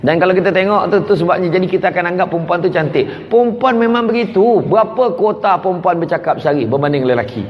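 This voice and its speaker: A Malaysian male preacher delivers a humorous religious talk in a playful, teasing way, with a fairly high voice. The recording is dull and lo-fi, with a long hall echo and faint background noise. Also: expressive, quick pace, hardly any pauses. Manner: playful, teasing, acts out characters.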